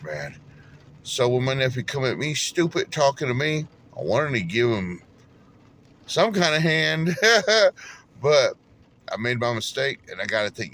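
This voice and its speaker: A man's voice: on the low side, fairly bright tone, slight background noise. A man, telling folksy stories and preaching in a casual devotional talk. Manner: folksy storytelling, laughs at himself, preachy asides.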